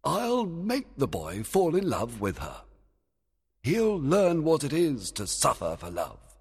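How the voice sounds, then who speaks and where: A man's voice: on the high side, huge pitch swings, takes it slowly, breathy edge, in a large hall, voice pushed up, full character voice. A man reading a storybook aloud, voicing a proud and scheming fairy king who gives stern commands and gloats. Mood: gloating.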